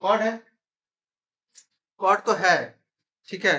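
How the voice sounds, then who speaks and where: A man's voice: high voice, fairly even intonation, takes it slowly, bright, forceful tone, dull audio. A man teaching a classroom math lesson in speech, constantly quizzing his students with repeated questions.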